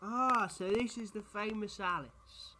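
An actor playing an eccentric, quick-witted time-travelling adventurer in a sci-fi audio drama, theatrical and whimsical. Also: male voice, high voice, bright, forceful tone. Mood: soft, friendly. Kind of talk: science fiction fan audio drama acting.

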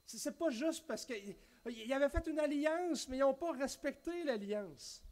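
With an extremely high pitch and a moderate pace, a Quebec pastor in his thirties gives a sermon in Québécois-accented French. He stands at a wooden pulpit on an indoor church stage, gesturing animatedly, often restarting and drifting into asides.

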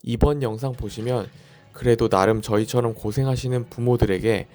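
A young man with a dark, mellow voice narrates a parenting vlog as a new father. He speaks in a reflective, personal storytelling style. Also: medium pitch, steady tone, moderate pace, soft background music.

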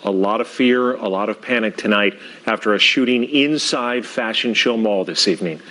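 A man's voice: lowish voice, moderate pace, pushed and bright. A man anchoring the late news in a television studio, in a polished, formal way.

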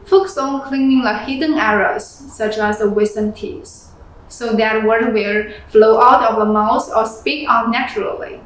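A young woman presenting products, reading a review script in plain, steady phrasing. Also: fairly high pitch, measured pace. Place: small room indoors. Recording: very echoey room with background music.

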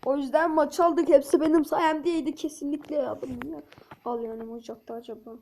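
A woman giving casual, playful gameplay commentary to her viewers, excitable and chatty. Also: high voice, a little fast. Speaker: gaming channel host.

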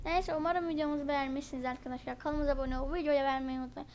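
A woman doing live gameplay commentary as a channel host, quick-tempered and exasperated, in slangy talk aimed straight at her viewers and teammates. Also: high-pitched, fairly even intonation, a little mellow, slight background noise.

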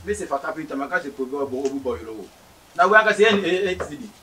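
A man plays a pushy young Ghanaian with a West African accent in a street comedy dispute. He talks very quickly, somewhat far from the microphone, with faint outdoor noise. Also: on the high side, expressive, lightly acted. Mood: insistent. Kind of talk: improvised street comedy skit. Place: outdoors by a roadside stall. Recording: distant outdoor camera sound, noisy ambience.

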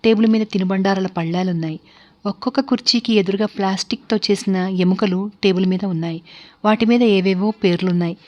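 Give me a woman narrating a suspense audiobook in a steady, even read, on a dull lo-fi recording. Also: mid-range voice, fairly quick. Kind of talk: storybook narration of a suspense novel.

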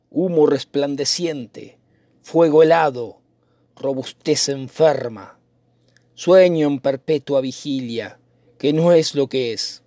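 A man's voice: mid-range voice, darkish tone, no room sound, clean studio sound, lightly acted. A man reading the part of a brooding, poetic young nobleman in a dramatic reading of a play, in a theatrical, declaiming manner.

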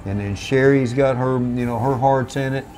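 A man's voice: mid-range voice, fairly even intonation, moderate pace, a little mellow. An older man tells the story of his family's restaurant in a loose, folksy ramble, often restarting his sentences. He talks seated at a table in a small back room, recorded by a camera set in front of him. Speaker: restaurant owner. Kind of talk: relaxed storytelling interview.

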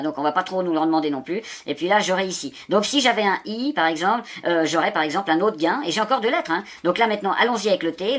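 A man's voice: high voice, a bit bright. A man giving casual, chatty commentary while scratching lottery tickets, swearing crudely and joking at his own expense. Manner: rapid, chatty, crude swearing, self-mocking.

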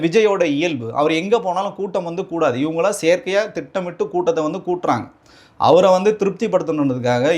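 A man with a Tamil Nadu accent argues his case in a heated political interview. His voice sits high and his words tumble out at great speed. He presses the interviewer with rhetorical question after question. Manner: combative, rapid rhetorical questioning. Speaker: political party spokesman.

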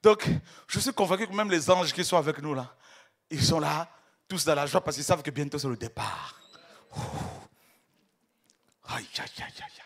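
Male preacher, ecstatic sermon, whispers to shouts, stammering repeats, bright ringing tone. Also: a little high, brisk. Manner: swings from hushed whispers to shouted exclamations; repeats words and stammers in fervor.

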